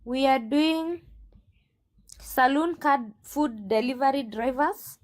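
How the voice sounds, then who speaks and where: An assertive woman with a Kenyan accent speaks as an agency owner in an interview. Her voice is notably high, and she argues her points firmly. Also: takes it slowly. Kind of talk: interview guest.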